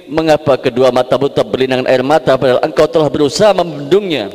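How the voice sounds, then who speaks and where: A man's voice: medium pitch, fast, darkish tone. A man preaching a sermon that explains devotional poetry, repeating phrases for emphasis and breaking into chanted Arabic verses. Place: large mosque hall. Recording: echoing mosque hall.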